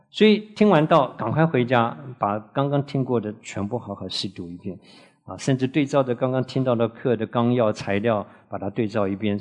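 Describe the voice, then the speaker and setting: A man teaching a Bible class to a live audience, with frequent drawn-out "ah" fillers and questions put to the class. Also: mid-range voice.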